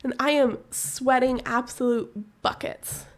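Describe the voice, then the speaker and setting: High-voiced woman telling a story. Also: a little slow. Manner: animated, profane, laughing storyteller. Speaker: podcast co-host. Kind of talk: casual storytelling chat.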